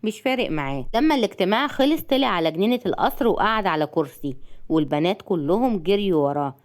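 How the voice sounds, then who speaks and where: A woman with an Egyptian accent reading a romance story aloud, brisk and even. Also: medium pitch. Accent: Egyptian Arabic.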